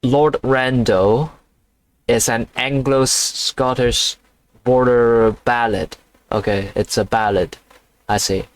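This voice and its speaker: A man reads a novel aloud in a loose, halting way, tripping over harder words. He stops often to comment in a crude, offhand tone and swears without much thought. His pitch sits in the middle range for a man. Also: fairly even intonation, no echo. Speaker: channel host reading a novel aloud. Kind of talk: casual read-along with commentary.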